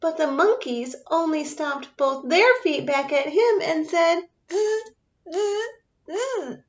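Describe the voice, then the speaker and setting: A woman teacher reading a picture book aloud to children, expressive and often asking them questions. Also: high-pitched, a little slow, echoey room. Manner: expressive, asks listeners questions. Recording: dull lo-fi sound.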